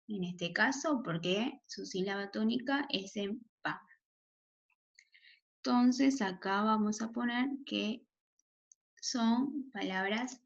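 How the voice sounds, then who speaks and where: A woman teacher explains spelling rules to children very slowly, pausing often to ask "¿sí?". Her voice sits a bit high. The recording is dull and lo-fi. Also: a bit bright. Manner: checks in with a questioning "¿sí?" after each point. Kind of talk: slow, deliberate spelling lesson for children.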